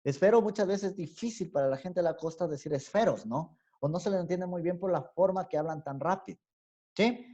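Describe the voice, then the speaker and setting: Man with an Ecuadorian highland accent teaching online. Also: a little fast, dark tone. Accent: Ecuadorian highland Spanish. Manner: explanatory, often checks in with a rising "¿sí?". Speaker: university teacher. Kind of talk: online class lecture. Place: home room on a video call. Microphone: computer mic on a video call. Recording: dull, lo-fi video-call audio.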